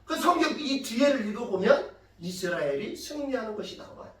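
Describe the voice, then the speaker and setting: A woman pastor delivers a sermon as a lively story, tossing questions out to the congregation and punching key points loudly. Her voice rings through a reverberant church sanctuary. She stands some distance from the microphone. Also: a little high, fairly quick, a crowd in the background. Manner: lively storytelling, quizzing the congregation, sudden loud emphasis. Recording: echoey church hall from far off.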